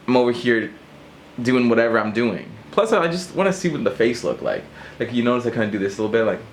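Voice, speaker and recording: A man's voice: on the low side, a little hiss or hum. A man vlogging in a casual rant to camera, rambling and self-mocking as he jumps between thoughts.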